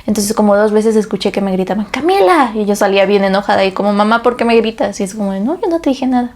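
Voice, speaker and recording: A young woman, co-hosting a casual podcast and telling a story in an animated way, acting out the voices she quotes. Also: medium pitch, racing. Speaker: podcast co-host. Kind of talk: casual chat.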